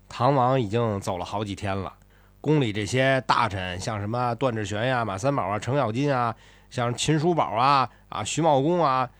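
A man's voice: medium pitch, a bit bright, dry recording. A man retelling a classic tale in a chatty, colloquial storytelling style with asides to the listener.

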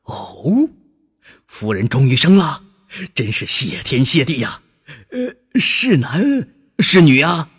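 A stern, quick-tempered commander, as a male storyteller acts him out, barks his words in a husky voice. His pitch jumps about lively with impatience. A storybook figure of authority. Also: in a large hall, heavily acted. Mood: stern, agitated. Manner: barking, exclamatory. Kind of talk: children's storybook acting.

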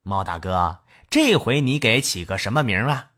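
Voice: mid-range voice, animated, normal speed, fairly bright tone, slight background noise, voice pushed down, close to an everyday voice. A storyteller voicing a naive, timid mouse in a folk tale, eager to agree and praise.

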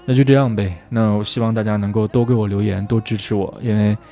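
A man hosting a podcast who explains English pronunciation in a relaxed, chatty, rambling way. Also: lowish voice, quick pace, faint music behind. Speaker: English teacher, podcast host.

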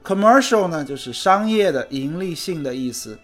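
A man's voice: fairly high pitch, expressive. Chatty male podcast host teaching. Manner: chatty, teasing, slows to drill English words. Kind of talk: casual spoken lesson on photography English. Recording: voice with faint background music.

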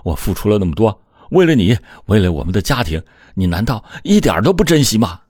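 A man's voice: low voice, animated, a little fast, a little mellow, dry recording, clean studio sound. A man voicing a hurt, desperate young husband in a dramatized true-crime retelling, pleading and lashing out. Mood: angry. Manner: pleading, then heated outbursts.

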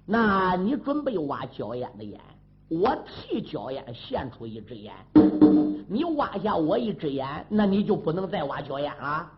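A man's voice: fairly high pitch, big pitch swings, moderate pace, lo-fi sound, soft background music. A man voicing a scheming old court official who is a villain, menacing and gloating.

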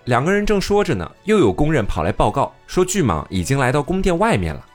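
A man's voice: fairly high pitch, fast talker, soft background music. A man retelling an old folk tale in a casual, chatty way, adding his own remarks. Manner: lively, chatty, comments with laughter. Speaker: storyteller host. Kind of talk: casual storytelling.

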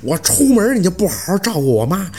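A man's voice: high-pitched, wildly swooping pitch, normal speed, voice pushed up, exaggerated voice. A man playing a raging village husband. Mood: furious. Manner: shouting, ranting. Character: furious bellowing village husband.

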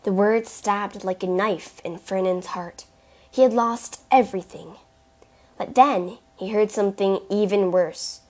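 A woman narrating a chapter book in a slow, deliberate reading voice. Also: medium pitch, darkish tone. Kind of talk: storybook narration.

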